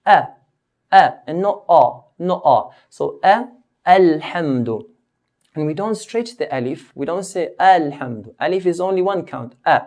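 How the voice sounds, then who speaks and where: A man giving a recorded tajweed lesson as a Quran recitation teacher, patiently repeating each sound and slowing down to demonstrate it. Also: a little high, darkish tone.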